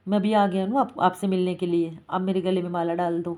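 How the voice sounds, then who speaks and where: Woman quoting a gentle young boy god. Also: on the low side, little pitch movement, a little fast, natural voice. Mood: pleading. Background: instrumental music.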